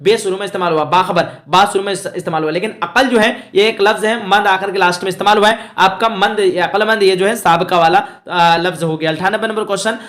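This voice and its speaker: A man's voice: high voice, fast talker, hardly any pauses, a bit bright. A man teaching an online exam-prep class, going through the answers one by one. He asks a question, then answers it himself. He keeps checking in with the students as he goes. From India. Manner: explains step by step, often asks and answers his own questions; repeats "thik hai" to check in with students.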